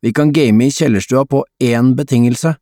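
Bossy teen boy, high and loud, a male narrator putting him on, dry audiobook sound. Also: no echo, lightly acted. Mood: upbeat. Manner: loud, organising. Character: bossy upbeat teenage boy.

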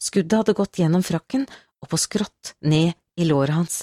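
A woman narrating a novel as an audiobook, in a steady, measured storytelling manner. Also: on the low side, no echo, studio quality. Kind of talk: scripted narration.

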